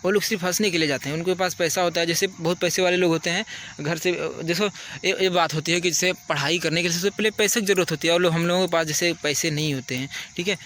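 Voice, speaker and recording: A high-voiced man with fairly even intonation talks fast in a fairly bright tone, with slight background noise. He is a teacher casually advising children outdoors at night, earnest and repetitive, and keeps saying "ठीक है" to confirm they understand.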